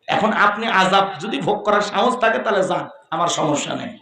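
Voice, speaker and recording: A man preaching a waz sermon to a crowd, asking rhetorical questions and moving from low talk to shouted calls and chanted recitation. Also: lively intonation, normal speed, slight background noise. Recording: echoey loudspeaker sound at a gathering.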